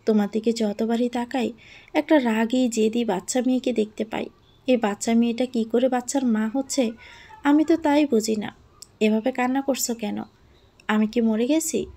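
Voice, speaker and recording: A woman voicing a lovestruck young husband in an audio storybook. He speaks softly and affectionately, almost pleading, in a slightly high, mellow tone with a gravelly fry. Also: fairly even intonation, moderate pace. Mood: loving.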